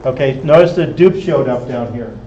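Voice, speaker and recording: Medium-pitched, expressive, and dark-toned, the instructor speaks at normal speed while teaching hands-on to a room at an amateur radio club. He explains practically and checks often that the group follows, and the indoor room sounds echoey, with a distant dull mic and faint noise.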